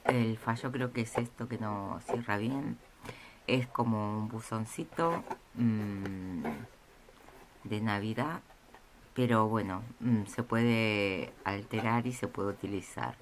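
This woman's pitch is extremely low, and her casual show-and-tell is slow and hesitant, packed with pauses and fillers. A craft vlogger, she sits off-screen at an indoor table as an overhead camera captures her haul. The room is noisy, with crinkling packaging.

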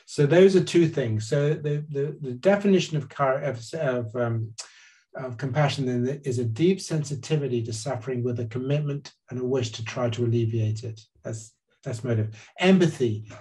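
An older guest psychologist talks through a webcam from his living room in an explanatory video-call conversation, earnest and gesturing, frequently beginning sentences again. The voice is male, mellow and medium-pitched at a moderate pace, captured in a low-quality recording.

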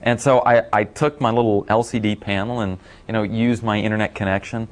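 A man's voice: lowish voice, brisk. Rambling middle-aged man telling a story. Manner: rambling, many fillers, animated when quoting others. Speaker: speaker at a talk. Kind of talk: casual storytelling talk.

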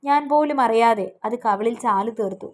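Female storyteller with a higher-pitched voice, earnest, emotional first-person romance narration. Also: moderate pace, a little mellow.

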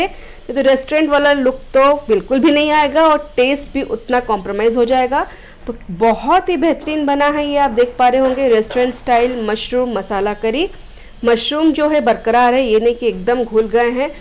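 On the high side and a little mellow, this woman's voice comes with slight hiss or hum. She's a cooking channel host from Odisha, India, narrating a home recipe one step at a time in a friendly, instructional style that blends in English words.

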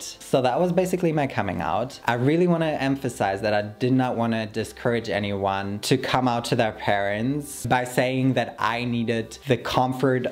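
A man in his twenties talking casually and candidly to camera, telling a personal story in an informal way. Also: mid-range voice. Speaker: vlogger. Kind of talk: casual confessional chat to camera. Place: small furnished room indoors.

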